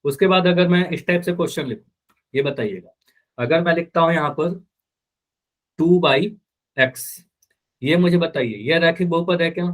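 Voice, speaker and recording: A man's voice: on the high side, normal speed, pauses often. A man teaching math in a live online class, asking students questions over and over and voicing their answers back.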